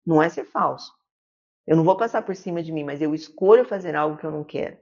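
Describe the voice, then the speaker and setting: Woman, 50s, psychiatrist guest; rapid, lowish voice, animated storyteller who voices her quotes; muffled lo-fi recording. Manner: lively storyteller who acts out quoted dialogue. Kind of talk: casual interview conversation.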